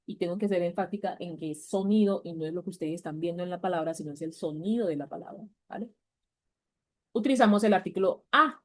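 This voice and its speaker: Woman, language teacher, steady patient classroom explanation, mid pitch. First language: Spanish. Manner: patient, repeats points, checks in with "vale?". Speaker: English teacher.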